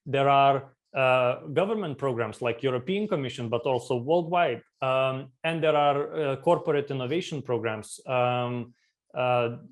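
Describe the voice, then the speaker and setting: Lithuanian-born man presenting remotely. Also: medium pitch. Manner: halting, many fillers and restarts. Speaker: startup community co-founder presenting. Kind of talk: conference talk over video. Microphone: remote video call.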